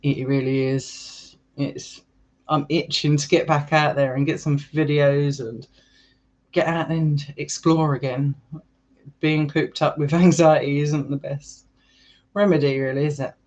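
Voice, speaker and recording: A young man with an English accent talks casually to viewers in a loose, rambling way. His voice sits a little higher than most men's, and he laughs between thoughts. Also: steady tone, measured pace, darkish tone, muffled recording. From England. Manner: chatty, rambling, laughs often. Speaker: urban exploring vlogger. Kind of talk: casual live chat with viewers.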